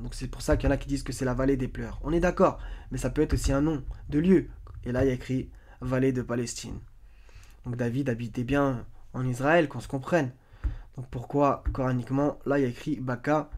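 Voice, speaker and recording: A man's voice: mid-range voice, darkish tone. A man giving casual explanatory commentary to his viewers. He hesitates often, restarts his sentences and keeps telling listeners to question things. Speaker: video commentator. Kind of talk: casual explanatory commentary, reading verses aloud.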